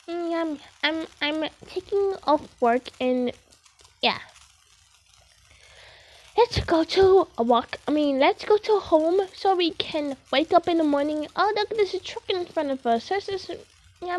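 Very high-pitched playful woman gamer. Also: a little mellow. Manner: silly, rambling, playing a role with jokey asides. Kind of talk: playful gameplay commentary.

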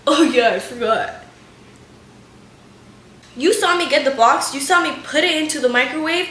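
In a reverberant recording with a little hiss or hum, a twenty-something lifestyle vlogger speaks in a high-pitched, sharp voice. She chats casually to her camera for a storytime vlog in her bright living room and kitchen, venting and swearing a lot.

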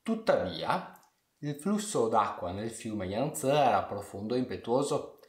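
A man narrating a historical tale at a measured pace, with playful asides to his viewers. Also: mid-range voice, very animated, roomy sound. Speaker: history storyteller. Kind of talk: storytelling narration.

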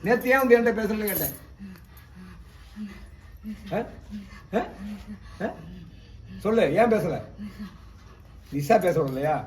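A man's voice: high voice, expressive, takes it slowly, long pauses. A man with a Tamil Nadu accent leading an exorcism ritual, questioning the spirit sharply and giving commands, recorded from a distance in an echoey room with faint background noise. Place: temple shrine.

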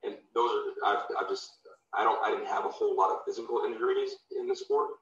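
A former football player turned filmmaker from Louisiana, talking loosely in an interview with lots of fillers and restarts. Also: male voice, fairly low pitch, huge pitch swings, fast talker, a bit bright. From Louisiana, USA. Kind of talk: casual interview. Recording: distant, roomy, dull remote audio.

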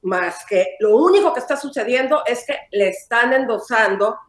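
A middle-aged woman chats gossip over a video call, teasing and emphatic. Her voice sits a little high, and it rings in an echoey room at home. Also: lively intonation. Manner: teasing, emphatic, quick to argue. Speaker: co-host.

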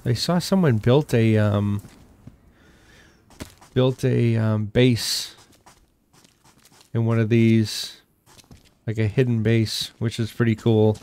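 A man's voice: lowish voice, slow pace, long pauses. An older man with a Boston accent, casually commentating a survival game he is playing, muttering to himself as he loots. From New England. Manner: relaxed, muttering to himself while looting. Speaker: gaming YouTuber.

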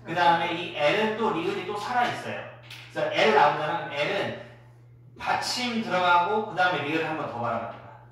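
A man's voice: fairly high pitch, expressive, brisk, a bit bright, a little hiss or hum. A Korean man teaching English to kids in a classroom, drilling pronunciation and having them repeat words after him. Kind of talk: classroom phonics lesson. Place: echoey classroom at an academy. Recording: roomy echo, distant mic.

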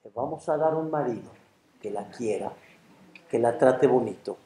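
A man voicing a calm, unbending male angel of death in a sermon story, speaking low and slow. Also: lightly acted. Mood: solemn. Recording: roomy echo.

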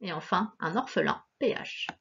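A woman's voice: fairly low pitch, expressive, normal speed, gravelly, a bit bright, husky, highs cut off. A woman teacher giving a recorded phonics lesson to a child, patient and encouraging, stressing each sound.

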